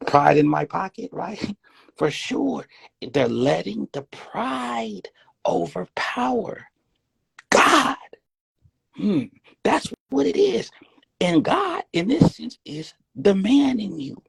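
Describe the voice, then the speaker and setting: Gravelly, husky man preaching casually. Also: high-pitched, very animated, slow, dry recording, clean studio sound. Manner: preachy, rambling, drops to whispers. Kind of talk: casual monologue.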